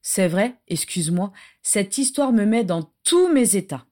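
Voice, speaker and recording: A woman's voice: medium pitch, lively intonation, a little slow, dark tone, natural voice. A woman voicing an effusive, gushing man. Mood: exuberant. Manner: effusive, gushing, then shy. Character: excitable, emotional adult man.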